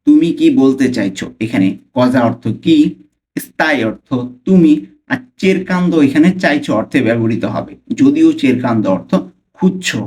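A man with a Bangladeshi accent teaching Italian phrases, repeating each one slowly and carefully. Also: mid-range voice, a little mellow. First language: Bengali. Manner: slow, careful repetition of phrases. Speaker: language teacher. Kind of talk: Italian lesson for Bengali speakers.

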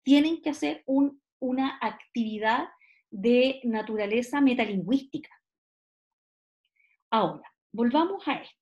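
Woman lecturer, middle-aged, fairly high voice, stretches example words, keeps asking for agreement. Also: a little mellow, highs cut off. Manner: explains slowly, stretches example words, asks rhetorical checks. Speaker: teacher. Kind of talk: classroom lecture.

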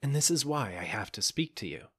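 A vain, cruel princess speaks with haughty scorn in a read-aloud fairy tale. Her lines rise and fall with feeling, read by a man in a lower voice. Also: very animated, fairly quick, fairly bright tone, slightly rough, heavily acted. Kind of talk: audiobook fairy tale reading.

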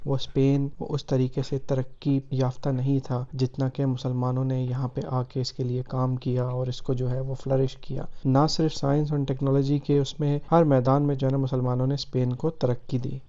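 A man's voice: mid-range voice, completely flat delivery, moderate pace, few pauses, dark tone, lo-fi sound. A man giving casual travel vlog commentary at a historic site, rambling and heavy on filler phrases. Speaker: travel vlogger. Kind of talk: reflective voice-over narration.

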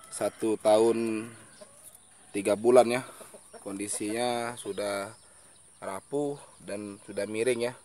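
A man's voice: mid-range voice, slight background noise. Chatty man vlogging his backyard fish farm. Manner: chatty, explaining step by step, frequent "ya". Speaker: hobby guppy farmer and vlogger. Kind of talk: casual outdoor vlog narration. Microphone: handheld phone camera.

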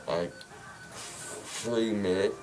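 A low-voiced teenage boy, fresh from having his wisdom teeth out. He rambles casually, groggy from anesthesia, with gauze muffling his numb mouth. Faint music plays behind him in a small clinic room. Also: fairly even intonation, very slow, rough recording. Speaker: patient just out of wisdom teeth surgery. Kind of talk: casual chat. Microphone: phone held close by someone else.

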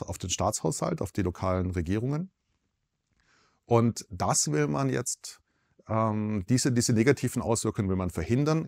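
A man in his forties, a foreign correspondent, answers interview questions in a TV studio, explaining things in a measured way and correcting himself slightly now and then. His voice is fairly low, creaky, and a little mellow.

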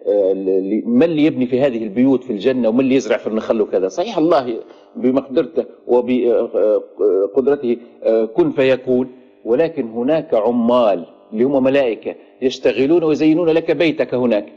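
Rapid husky Libyan preacher, a man. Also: mid-range voice, warm tone. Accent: Libyan Arabic. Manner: conversational preaching with rhetorical questions. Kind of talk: religious lesson. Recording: dull lo-fi recording.

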